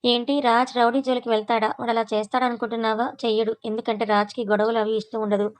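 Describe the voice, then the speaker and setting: A woman's voice: a little high, little pitch movement, fast, lightly acted, low-quality recording. A woman storyteller voicing a scheming middle-aged mother who slyly confides her plans.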